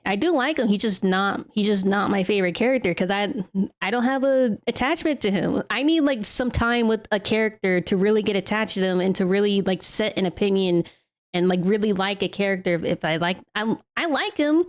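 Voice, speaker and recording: A woman giving casual reaction commentary in a halting way, often repeating and restarting her phrases. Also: mid-range voice. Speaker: reactor streamer.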